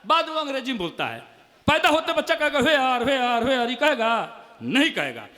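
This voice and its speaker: High-voiced Bhojpuri comic poet. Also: male voice, wildly swooping pitch, bright, forceful tone, long reverb tail. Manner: jokey, banters with the crowd, recites verses slowly. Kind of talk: humorous stage poetry recital.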